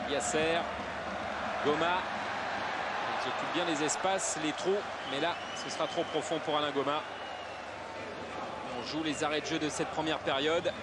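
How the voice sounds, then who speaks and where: A man calling a football match play by play, naming players in short clipped phrases. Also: on the high side. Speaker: football commentator. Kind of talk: live play-by-play football commentary. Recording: very noisy stadium broadcast. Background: loud stadium ambience.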